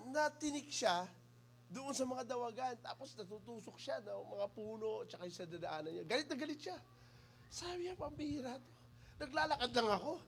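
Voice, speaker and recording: Filipino man, pastor preaching a lively sermon, high and animated voice, teases the congregation. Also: slight background noise. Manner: lively, teasing, calls on listeners by name. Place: church.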